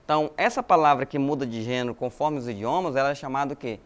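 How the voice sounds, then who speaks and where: A Brazilian man with a medium-pitched voice teaches a recorded Spanish lesson at a quick pace. Patient and explanatory, he addresses the class as "galerinha" and often checks in with a friendly "né."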